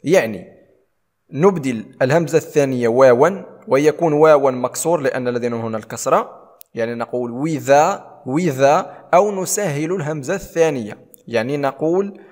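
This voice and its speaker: A man teaching a tajweed lesson, explaining rules and then reciting verses slowly with long drawn-out vowels. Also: mid-range voice, darkish tone, long reverb tail.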